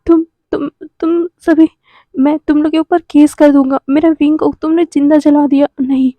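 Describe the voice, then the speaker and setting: A woman's voice: high voice, level tone, moderate pace, warm tone, no room sound, natural voice. A woman voicing a stammering grief-struck young husband. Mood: frantic. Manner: stammering, pleading, breaking into cries. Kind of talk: dramatic storytelling reading.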